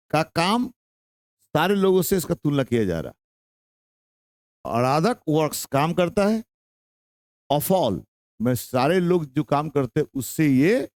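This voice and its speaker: A young man with a Bihari Hindi accent teaches a class an English grammar lesson, drawing out his words and repeating both questions and answers. His voice is on the high side, captured dry with clean studio sound.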